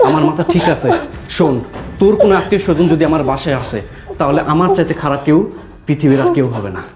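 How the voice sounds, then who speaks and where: A man's voice: a little high, fast talker, natural voice. A man in a short drama playing a domineering husband who bullies and scolds his wife. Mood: angry. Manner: harsh, bullying, scolding. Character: cruel, domineering young husband. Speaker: abusive husband. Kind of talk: short-film acting. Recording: roomy, with loud music.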